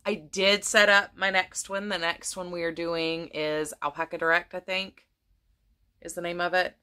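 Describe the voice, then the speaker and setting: Woman, casual crafting chat, bright forward tone, a little hoarse, rambling with ums. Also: on the low side, level tone, normal speed. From United States. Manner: rambling, many ums and restarts. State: losing her voice. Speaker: crafting vlogger.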